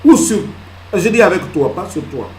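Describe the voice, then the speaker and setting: A male pastor preaching a sermon, swinging from loud emphatic peaks to hushed asides and answering his own questions. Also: high-pitched, very animated, normal speed, noisy background. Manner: asks the congregation questions and answers them himself. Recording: echoey hall with faint ambience.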